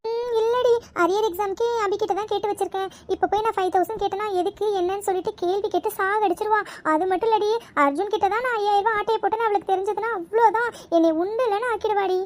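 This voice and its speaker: A woman's voice: extremely high pitch, fairly even intonation, fast talker, hardly any pauses. A woman voicing a fed-up young female student who grumbles to her friend in a cartoon. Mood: grumbling. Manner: complaining, chatty. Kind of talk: cartoon dialogue.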